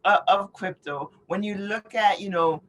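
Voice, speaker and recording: A middle-aged woman born in Haiti and raised in New York City, an author and advocate, gives earnest, explanatory answers as an interview guest, often checking in with "you know" and "right?". Her mid-range voice is measured and a bit bright.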